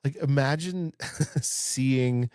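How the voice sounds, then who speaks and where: A man's voice: medium pitch, very slow, darkish tone, no room sound, clean studio sound. Laid-back man chatting on a podcast. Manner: laid-back, loose phrasing with many likes and yeahs. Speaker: podcast co-host. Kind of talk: casual chat.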